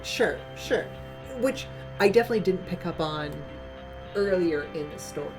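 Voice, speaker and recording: A woman's voice: fairly low pitch, moderate pace, music in the background, rough recording. A woman co-hosting a game playthrough, musing thoughtfully in rambling sentences full of fillers. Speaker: let's play co-host. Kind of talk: casual game commentary.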